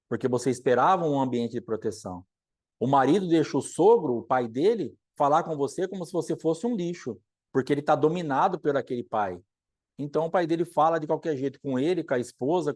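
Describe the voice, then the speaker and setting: A man's voice: fairly high pitch, darkish tone, dry recording. Earnest Brazilian-style preaching man, dry sound. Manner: earnest preaching with repeated phrases and voiced quotes. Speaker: pastor. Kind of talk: sermon teaching.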